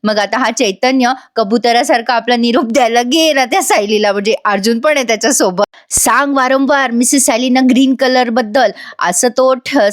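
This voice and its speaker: A giggly woman recaps a TV serial in a casual voice-over and keeps talking straight to her viewers. Her voice sits high and she can barely hold back laughter. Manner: chatty, addresses viewers directly. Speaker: TV serial reviewer. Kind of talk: casual voice-over episode review.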